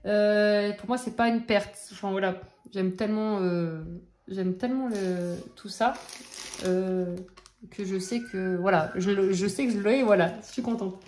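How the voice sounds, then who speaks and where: A working mother talking quickly and tripping over her words, chatting casually at home as she shows off her art supplies to camera. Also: mid-range voice, fairly even intonation, darkish tone, slight background noise. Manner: talks fast and stumbles over words; chatty, full of fillers and asides. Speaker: craft vlogger showing art-supply purchases. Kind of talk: casual haul chat to camera. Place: at home, with children nearby.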